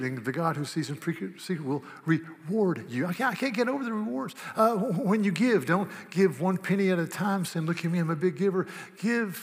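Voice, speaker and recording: Animated preacher in an echoing hall. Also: male voice, high-pitched. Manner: animated, swings from loud bursts to hushed asides. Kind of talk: sermon. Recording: long reverb of a large hall.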